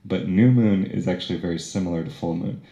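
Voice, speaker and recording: A man leading a yoga and meditation session, giving calm, unhurried instructions and chanting mantra syllables. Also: deep voice, roomy sound, muffled recording.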